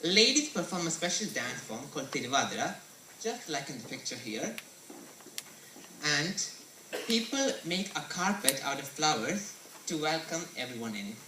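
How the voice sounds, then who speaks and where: A man's voice: on the high side, very animated, moderate pace, noisy background. A teenage boy from India giving a recited, earnest school presentation. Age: teens. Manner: earnest, recited storytelling delivery. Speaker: student presenter. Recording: roomy echo, mic at a distance.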